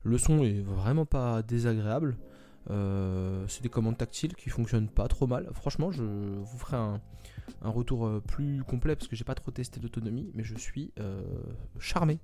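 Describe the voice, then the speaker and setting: A man's voice: mid-range voice, normal speed, warm tone. A man hosting a casual solo podcast episode, talking hesitantly with many fillers and restarts. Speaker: podcast host.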